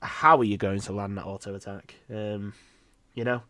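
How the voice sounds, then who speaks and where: This esports caster, a man, does live game commentary alone over his personal streaming mic, rambling and chatty with plenty of fillers. He speaks at a normal speed with a fairly low pitch and a steady, sharp tone.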